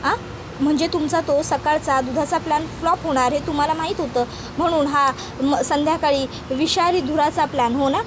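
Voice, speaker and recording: A woman's voice: high-pitched, fairly even intonation, moderate pace, background noise, lightly acted. A woman voicing a suspicious young man who presses with curt questions. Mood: accusing.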